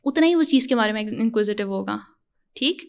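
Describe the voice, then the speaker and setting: A woman guest with a notably high voice talks through her views in a relaxed interview. She explains things earnestly, in the manner of a university psychology lecturer, and keeps checking in with her listener as she goes. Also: vocal fry. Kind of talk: conversational interview.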